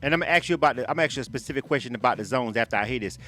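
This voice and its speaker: A man hosting a radio interview in a relaxed, slangy, laughing way. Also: mid-range voice, very fast, music in the background. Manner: laid-back, slangy, laughs a lot. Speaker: radio show host.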